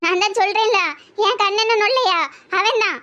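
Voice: extremely high pitch, moderate pace, bright, forceful tone, dull audio. A voice artist playing a blunt, scolding elderly village grandmother with a Tirunelveli Tamil accent in a cartoon comedy.

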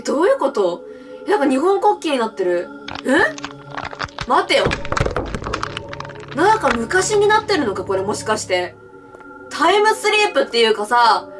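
A woman streamer playing a horror game, commenting with excitable, frightened reactions and shouts. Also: extremely high pitch, distant mic. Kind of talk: let's play commentary.

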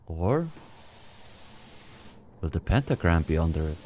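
Low-voiced man muttering through a game. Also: big pitch swings, unhurried, background noise. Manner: mutters to himself, jumpy nervous asides. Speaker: let's play gamer. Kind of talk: casual gaming commentary.

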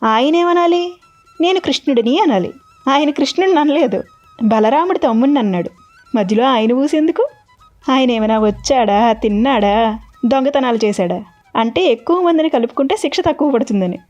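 A woman retelling a devotional story in an animated, expressive way. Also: fairly high pitch, brisk, lo-fi sound, soft background music.

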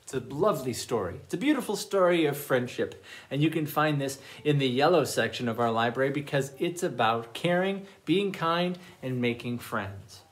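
A man who is a children's librarian, reading picture books aloud at storytime in an animated, expressive voice. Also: medium pitch, normal speed.

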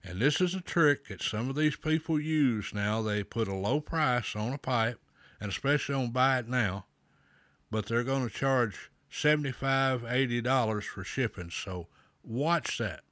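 A man hosting a pipe smoking show, giving slow, folksy advice with a pipe in his mouth. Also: mid-range voice, fairly bright tone, no room sound. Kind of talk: casual talk to camera.

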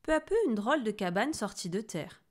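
A woman's voice: mid-range voice, lively intonation, brisk. A woman reading a children's picture book aloud, narrating expressively and doing the voices. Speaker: storybook reader.

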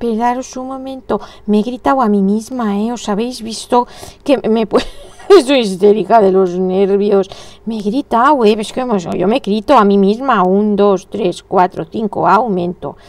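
A woman's voice: medium pitch, moderate pace, darkish tone, no room sound. A woman giving a casual crochet tutorial, chatting and thinking aloud as she counts stitches under her breath. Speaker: crochet instructor.

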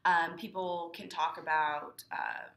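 A teenage girl with a bright, forceful voice talks through her speech-team event in a loose, chatty way. She fills her sentences with ums and likes. The room gives her voice a noticeable echo. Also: on the low side, fairly even intonation, slow pace, vocal fry. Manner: chatty, many fillers like um and like. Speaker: student competitor explaining dramatic interpretation. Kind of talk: casual instructional talk.

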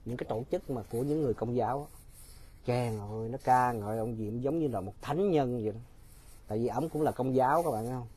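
A man's voice: mid-range voice, quick pace, dark tone, slightly rough. A man giving casual, mocking political commentary straight to his viewers, often laughing.

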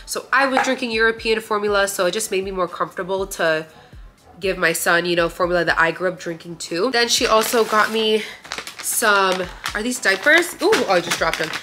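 Faint music plays behind a young woman from Romania as she talks through a haul video in her bright living room, addressing viewers via a camera in front of her. She's gushing and chatty, full of fillers and "like," speaking fairly quickly in a mid-range voice that is pushed and bright.

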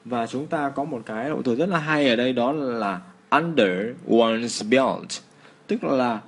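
A man with a Vietnamese accent teaching English phrases in a casual lesson, slowing down to model the pronunciation. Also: mid-range voice, husky.

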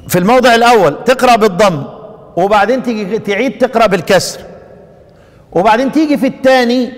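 A man with an Egyptian accent teaches in a quizzing way, tossing questions back at his class and repeating them. His voice sits high for a man. The sound carries a long reverb, like a large hall. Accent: Egyptian Arabic. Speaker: Quran recitation teacher. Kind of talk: classroom lesson on recitation poetry.

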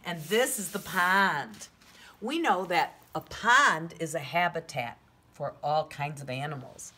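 Female preschool teacher, broad singsong delivery for small children, unhurried and highly animated in pitch, coaxing questions. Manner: asks coaxing questions and counts aloud slowly. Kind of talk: children's math lesson to camera.

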